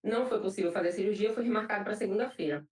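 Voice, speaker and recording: A woman's voice: medium pitch, very fast, darkish tone. A young woman with a Brazilian accent giving an emotional personal testimony in church, repeating phrases for emphasis. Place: church hall. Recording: roomy, from a distant mic.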